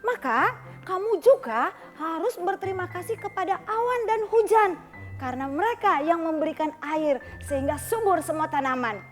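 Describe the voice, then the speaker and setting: Lady doing the sun, big loud friendly voice calling down from the sky, music behind. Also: very high voice, lively intonation, normal speed. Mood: booming. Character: booming friendly sun spirit calling from above.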